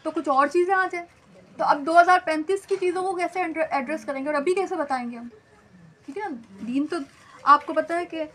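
Woman Quran teacher with a high voice, lecturing conversationally and asking if her listeners follow. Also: a little fast, fairly bright tone. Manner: conversational, often checks in with "theek hai na?"; mixes in English words. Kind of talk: religious lecture.

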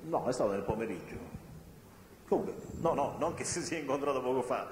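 A man's voice: mid-range voice, expressive, brisk, darkish tone. A man questioning a witness in court, formal and insistent. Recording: echoey courtroom with long reverb and faint noise.

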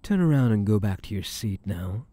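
A man with a fairly low, warm voice speaks at a moderate pace, animated and lightly acted. He plays a smug, possessive, flirtatious mafia boss in an intimate ASMR roleplay. His manner is teasing, drawling, and menacingly sweet.

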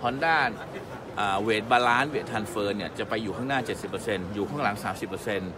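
A man's voice: on the low side, a little fast, crowd noise. A man at an exhibition booth casually explaining products, polite and often searching for words, recorded on a handheld phone. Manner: polite, frequent word-searching and repeated polite particles. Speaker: presenter explaining brake pads at a trade show booth. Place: busy indoor exhibition hall booth.

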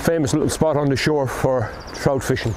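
An older man with an Irish accent offers an easygoing how-to chat on fly fishing outdoors by a river, full of ums and asides. His mid-range voice moves at normal speed. A camera on the bank captures him from a distance, with flowing river and wind in the background.

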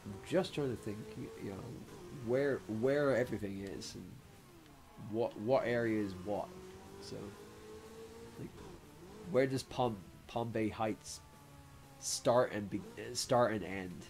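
A man with a hoarse throat, rambling casually through gameplay commentary with lots of fillers. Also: lowish voice, slow, pauses often, a little mellow. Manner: rambling, many fillers and self-mocking laughs. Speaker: game streamer. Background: game music.

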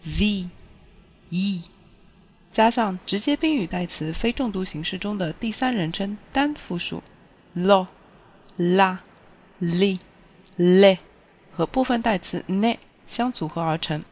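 A woman's voice: mid-range voice, lively intonation, takes it slowly, pauses often. Woman teaching Italian, dull lo-fi audio. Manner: clear, explaining step by step. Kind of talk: recorded language lesson.

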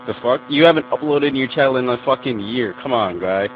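A man's voice: medium pitch, lively intonation, quick pace. Profane taunting young guy on game chat. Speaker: online gamer. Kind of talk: voice-chat rant. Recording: muffled noisy game voice message.

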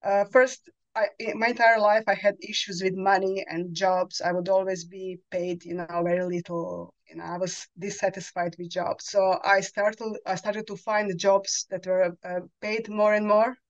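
A woman's voice: medium pitch, flat delivery, normal speed, dry recording, lo-fi sound. A woman in her forties with a Croatian accent, a podcast guest speaking English as a second language, often searching for words, talking over a headset on a video call from home. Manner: searching for words, many fillers. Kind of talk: conversational interview. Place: home room, indoors.

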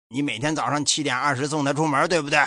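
A man's voice: on the high side, big pitch swings, moderate pace, bright, forceful tone, breathy edge, no room sound, clean studio sound, exaggerated voice. A man voicing a fat, arrogant thug leader who talks in a sneering, menacing way.

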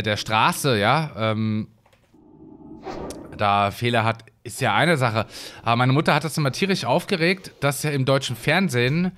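A man's voice: medium pitch, a bit bright. A man from Hesse rambling through casual gameplay commentary at his desk mic, with lots of fillers. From Hesse, Germany. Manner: chatty, rambling, many fillers. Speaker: let's play host.

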